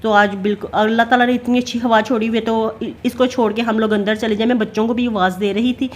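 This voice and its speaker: A middle-aged woman with a Pakistani Urdu accent narrates her family vlog in a fairly high, steady voice, talking fast over a little hiss or hum. Her casual voice-over is chatty and homely, full of fillers.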